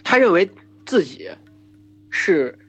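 A hoarse man hosting a podcast, retelling an epic in casual chat, full of fillers and restarts. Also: sits high, big pitch swings, takes it slowly. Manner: rambling with many fillers and restarts. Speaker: podcast host retelling myths. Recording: dull lo-fi podcast recording with faint music.

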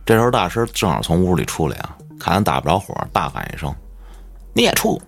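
A man tells a ghost story on a podcast in slangy, profane street talk. His low, husky voice swings wildly up and down to dramatize every turn. Faint music plays behind him. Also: big pitch swings, fast. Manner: colloquial storyteller, swears often, dramatic swings in pitch. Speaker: podcast host.

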